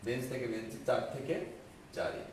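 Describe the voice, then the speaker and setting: A middle-aged man gives a patient grammar lesson, going over each point more than once and checking whether his students follow. His voice sits a little high for a man. He sounds very echoey and set back from the mic, with a faint hiss underneath. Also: lively intonation, recorded from a distance. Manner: patient, repeats points slowly, asks students if they understood. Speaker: teacher. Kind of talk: online exam-prep grammar lesson.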